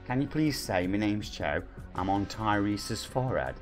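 A man in his forties from England, with a Nottingham accent, chats casually on a live stream and cheekily reads viewer comments aloud. His voice is on the low side and animated, at a moderate pace over soft background music.

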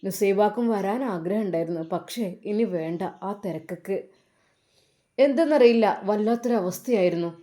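A woman's voice: medium pitch, moderate pace, mellow. Emotional woman telling a religious story. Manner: emotional, exclaiming. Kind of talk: dramatic religious story narration.

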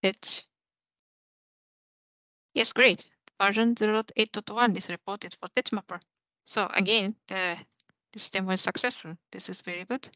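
This young adult woman leads a technical presentation with a live demo over a video call, speaking from a small room and explaining step by step. Her voice is medium-pitched, pushed and bright, with fairly even intonation, a measured pace and many pauses. The recording is dry and rough.

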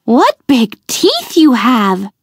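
A woman's voice: a little high, huge pitch swings, slow, breathy edge, no echo, clean studio sound, exaggerated voice. A woman voicing a sweet, innocent little girl in a fairy tale, with an exclaiming, singsong delivery. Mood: amazed.

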